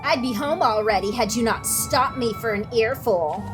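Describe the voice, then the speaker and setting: A woman's voice: fairly high pitch, normal speed, over music, natural voice. A woman voicing a prim, polite young village woman who speaks formally.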